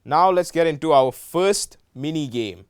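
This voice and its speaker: A man's voice: on the high side, expressive, measured pace, smooth, no room sound, studio quality. A young man hosting a student game show, playful with jokey asides. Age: young adult.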